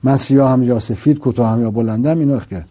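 A man's voice: medium pitch, warm tone. A man explaining a philosophical argument as a teacher, asking rhetorical questions and repeating points to drive them home. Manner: argues with rhetorical questions and repetition.

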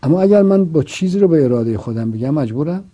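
A man lecturing on philosophy in a very dark, husky voice. His pitch moves a great deal as he poses rhetorical questions and answers them himself. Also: animated. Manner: argues with rhetorical questions and repetition. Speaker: religious philosophy teacher. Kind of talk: didactic philosophical explanation.

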